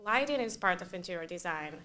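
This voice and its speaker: A woman with a fairly low, expressive voice and a sharp tone speaks as a guest designer in a casual interview. Russian is her first language, so she pauses to hunt for words and phrases things in a non-native way.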